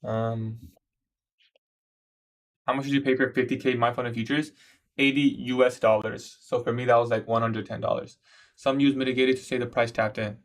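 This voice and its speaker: A man's voice: mid-range voice, flat delivery, moderate pace, long pauses. A man of twenty-one from Iraq, hosting a live trading stream, commenting on his trades and answering chat in a casual, slangy way. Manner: casual, slangy, calls viewers bro. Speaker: livestream host, day trader.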